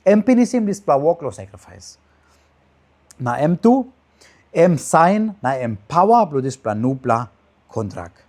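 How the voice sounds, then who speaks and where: A man with a Papua New Guinean accent teaches from the Bible as a preacher in pidgin, in short repeated phrases that rise with emphasis and then trail off softly. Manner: emphatic rises trailing off into lower, softer phrase endings.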